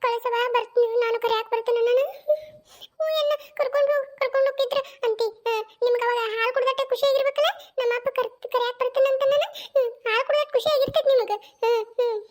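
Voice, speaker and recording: Performer as a sharp-tongued young daughter-in-law. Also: very high voice, little pitch movement, fast talker. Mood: accusing. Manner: accusing, quarrelsome.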